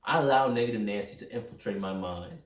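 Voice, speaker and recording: A man's voice: lowish voice, quick pace, noisy background. Young man talking in a roomy echo. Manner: energetic, rambling, self-reflective. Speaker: podcast host. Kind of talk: personal motivational monologue. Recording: roomy echo, mic at a distance.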